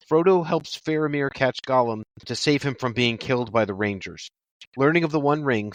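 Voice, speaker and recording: Male podcast co-host, joking banter, steady recap reading, dry close sound. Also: mid-range voice, dry recording, rough recording. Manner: joking, reads summaries steadily. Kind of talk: casual chat and read plot summary.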